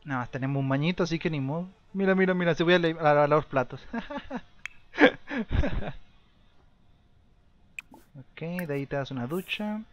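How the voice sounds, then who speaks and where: A man's voice: a little high, quick pace, lo-fi sound. Chatty man narrating a game. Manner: chatty, rambling, with sudden excited shouts. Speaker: gameplay streamer. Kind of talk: casual life-sim commentary.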